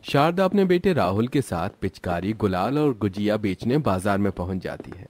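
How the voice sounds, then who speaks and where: A man narrating a cartoon horror story in an expressive, scripted storytelling style. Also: lowish voice, normal speed, no echo.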